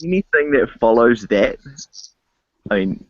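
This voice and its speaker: A man's voice: mid-range voice, animated, a little slow, dry recording. A man in a casual voice chat, laughing and trading crude banter. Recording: dry, muffled voice chat audio.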